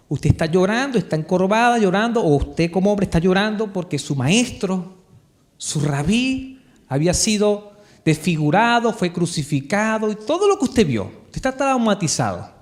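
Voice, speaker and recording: A pastor with a Chilean Spanish accent preaches a live sermon in church, animatedly telling the story and questioning the congregation. His high-pitched voice moves at a normal speed with big pitch swings.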